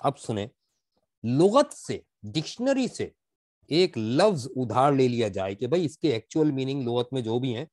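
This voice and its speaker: A man with a Pakistani accent teaching literature in an online class, mixing English into his explanations, asking questions and answering them himself, and reading verse slowly with a rhythmic stress. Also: mid-range voice, sing-song, a little mellow, no echo, studio quality. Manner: explains in Urdu mixed with English, asks and answers own questions.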